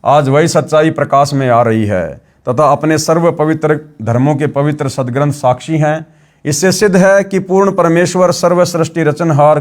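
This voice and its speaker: A man giving a devotional reading, reading prose passages quickly and then chanting verse couplets slowly in a rising sing-song. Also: fairly high pitch. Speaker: religious reader.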